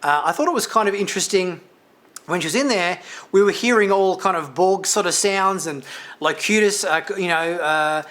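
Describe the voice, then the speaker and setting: Higher-voiced man giving a rambling review. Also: normal speed, fairly bright tone. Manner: rambling, with many fillers and restarts and light laughs. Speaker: TV review channel host. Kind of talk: casual spoken episode review.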